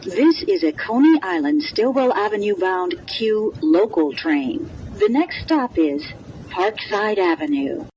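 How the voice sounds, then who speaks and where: A woman making formal, measured station announcements played over a train's intercom loudspeaker. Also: medium pitch, animated. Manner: measured, formal, clipped phrases. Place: inside a subway car. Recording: dull lo-fi train intercom with faint noise.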